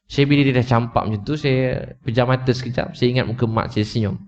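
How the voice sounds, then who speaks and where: Preaching before a live crowd, this man tells an emotional story, going back over his points and speaking straight to the people listening. His mid-range voice is a little mellow, with fairly even intonation and a slightly quick pace, captured in a somewhat dull lo-fi recording.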